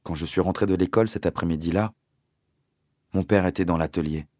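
A man narrating an audiobook in a measured, deliberate storytelling manner. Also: deep voice, a little mellow, no echo, studio quality. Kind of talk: audiobook reading.

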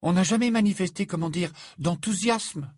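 A man doing a high, bossy schoolgirl. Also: moderate pace, darkish tone, no echo, clean studio sound. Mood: strict, anxious. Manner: high, strict, scolding tone. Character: bossy, earnest teenage schoolgirl. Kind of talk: audiobook character voice.

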